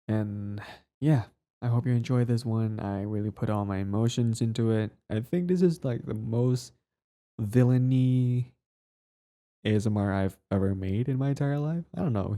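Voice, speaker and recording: A man with a mid-range, dark-toned voice speaks a little slowly. He hosts an ASMR channel and performs ASMR, chatting casually with his listeners in a hesitant, rambling way.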